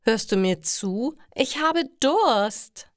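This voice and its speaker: A woman's voice: a little high, animated, very slow, dry recording, studio quality, pitched above the performer's own voice. A woman voicing a bossy, self-important young girl who snaps demands at her friend. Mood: bossy, snippy. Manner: demanding and snippy.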